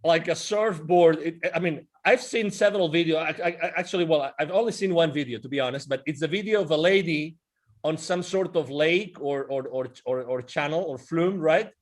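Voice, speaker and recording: A man's voice: a little high, normal speed. A man co-hosting a casual interview, rambling and enthusiastic, often repeating words. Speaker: podcast co-host.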